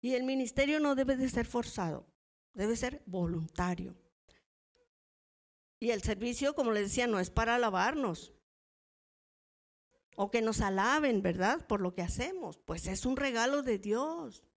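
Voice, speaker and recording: A woman's voice: on the high side, animated, measured pace, pauses often. A middle-aged woman with a Mexican Spanish accent, teaching in church and telling personal stories in a conversational way, often asking the audience to agree. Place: church hall.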